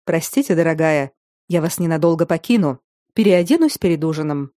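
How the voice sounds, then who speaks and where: A woman voicing a reserved noble husband who speaks in a polite, measured way. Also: deep voice, expressive, mellow, dry recording, studio quality.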